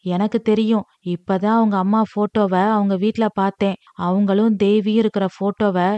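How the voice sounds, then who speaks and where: A woman's voice: mid-range voice, level tone, normal speed, no room sound, dull audio, natural voice. Woman reading as a clever eager young coworker. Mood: explaining.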